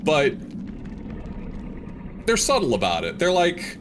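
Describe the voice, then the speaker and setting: Chatty male co-streamer, animated, some noise behind. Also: on the high side, takes it slowly. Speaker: guest co-streamer. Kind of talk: casual gameplay chat. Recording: noisy background.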